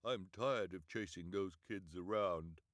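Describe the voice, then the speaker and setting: A man's voice: low voice, a little slow, a bit bright, no room sound, clean studio sound. A man voicing a clever teenage boy trying to sound fierce and urgent. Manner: urgent, forced toughness.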